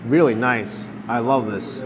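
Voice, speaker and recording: On camera at a roadside restaurant in a hot desert town, a food vlogger eagerly tastes the food, savoring each bite with an enthusiastic "mm." His mid-range voice is a little slow as he narrates casually.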